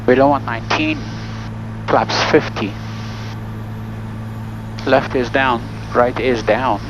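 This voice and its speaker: In a mid-range voice with fairly even intonation and a slow pace, a student pilot flying solo walks himself through each step aloud and makes radio calls. It's recorded in a small plane's cockpit mid-flight: dull audio, clear engine noise.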